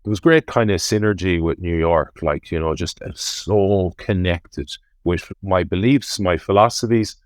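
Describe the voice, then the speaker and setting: Deep-voiced west of Ireland man. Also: a little slow, hardly any pauses, no room sound, clean studio sound. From Galway, west of Ireland. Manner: earnest, emphatic, with rhetorical self-questioning. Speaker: interview guest, ocean rowing adventurer. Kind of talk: reflective conversational interview talk.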